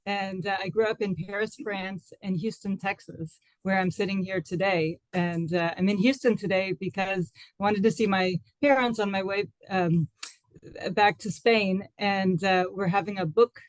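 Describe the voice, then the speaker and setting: A woman's voice: medium pitch, steady tone, moderate pace, no room sound, rough recording. Thoughtful woman, dry close sound. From United States. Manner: thoughtful, many restarts and fillers. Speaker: guest. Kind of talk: casual interview talk.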